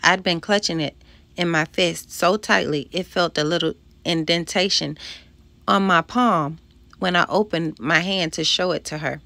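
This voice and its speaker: A woman with a lowish voice reads a first-person children's story aloud, lively and expressive as she carries the scenes. The sound is close and dry, with no room around it. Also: moderate pace, creaky, no room sound. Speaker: audiobook narrator.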